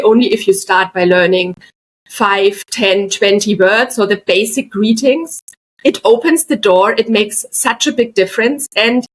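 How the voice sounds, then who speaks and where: On a rough-sounding recording, a German-speaking artist from Bavaria chats as a podcast guest. She's middle-aged, with a voice a little on the high side, and she spins anecdotes full of asides in a relaxed storytelling style.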